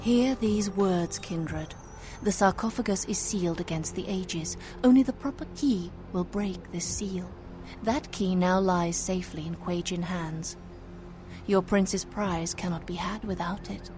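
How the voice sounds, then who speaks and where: A woman voicing a cold, scheming female vampire leader in a video game, speaking in a measured, formal, quietly threatening way, with music behind. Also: fairly low pitch, close to an everyday voice.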